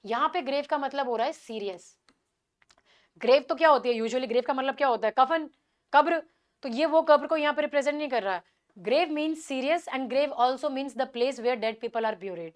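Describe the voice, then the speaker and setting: Indian woman teacher, high voice, talks in hindi and english, reads examples out slow. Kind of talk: exam-prep lecture.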